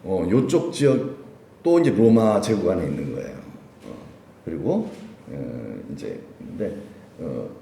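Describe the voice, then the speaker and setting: Male pastor, chatty sermon, animated pitch, roomy church sound from a distant mic. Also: measured pace, creaky, a little hiss or hum. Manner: chatty, asks the listeners many questions. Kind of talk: conversational sermon at a midweek prayer meeting. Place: church sanctuary.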